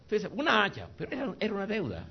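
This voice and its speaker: A man preaching a sermon to a congregation in a church, emphatic and joking, swinging between shouts and soft, intimate passages. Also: high-pitched, huge pitch swings, fast, creaky. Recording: dull lo-fi sound with faint noise.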